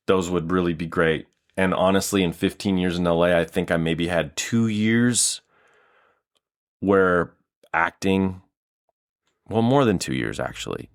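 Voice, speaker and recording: A man's voice: low voice, no echo, clean studio sound. A man in his thirties, a guest on a podcast, talking casually and at length, with the odd swear. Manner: rambling, long-winded, casual swearing. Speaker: improviser and guest.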